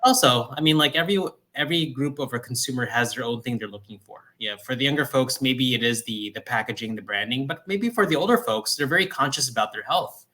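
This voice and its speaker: A man raised in New Jersey, a food company founder telling his story in a casual interview, upbeat and energetic. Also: medium pitch, fast, hardly any pauses. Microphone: livestream call microphone.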